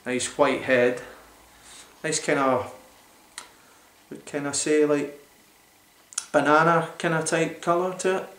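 A man's voice: a little high, slow, pauses often, a bit bright. Rambling man reviewing beer. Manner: rambling, enthusiastic, hesitant with many fillers. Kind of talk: casual beer review vlog. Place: small room indoors. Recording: roomy echoey home recording.

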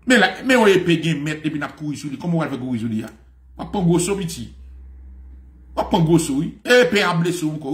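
Haitian male preacher, high pitched and bright, animated delivery, roomy echoey recording. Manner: animated, laughing, swinging from shouts to low murmurs. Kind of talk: fiery preaching.

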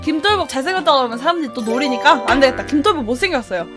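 A woman's voice: high voice, lively intonation, racing. A young woman streamer chatting casually with a friend, teasing and laughing a lot, with music behind. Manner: teasing, laughs often, swears. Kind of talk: casual chat while gaming.

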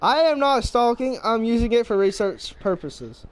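Teen boy, high animated voice, joking game stream chat, faint background hiss. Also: normal speed. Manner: loose, joking, laughs often.

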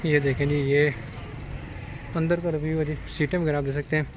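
Filming on a handheld phone held at arm's length, a young used car dealer vlogger from Pakistan-administered Kashmir does an outdoor walkaround of a van for sale. He speaks directly to viewers in quick salesman patter, with a fairly high voice and flat delivery, and the recording picks up lots of outdoor noise.

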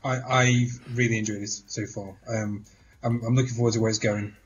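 A man's voice: lowish voice, flat delivery, a little fast. Stammering man on a dull, hissy recording. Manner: thoughtful, stammering restarts. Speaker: podcast co-host. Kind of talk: casual game discussion.

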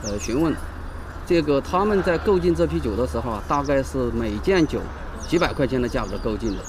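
Male officer, mid-pitched, halting statement, noisy outdoor location. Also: animated. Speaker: market inspection officer.

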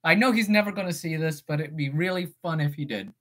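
A woman's voice: deep voice, fast. A woman voice actor chatting casually on a livestream, playful and jokey with frequent swearing. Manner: playful, jokey and profane, slipping into silly voices. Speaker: voice actor streaming.

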